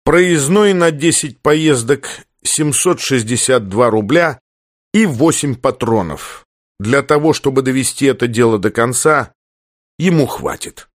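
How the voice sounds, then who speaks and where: A man reading a story aloud in a steady, plain narrating voice. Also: medium pitch, a little slow, dry recording, studio quality. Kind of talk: audiobook narration.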